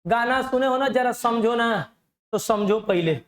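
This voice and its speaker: A man with a Bhojpuri-inflected Bihari accent teaching a live online reasoning class, animated and now and then shouting, calling his students "babu". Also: very high-pitched, unhurried, reverberant. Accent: Bhojpuri-inflected Hindi, Bihar.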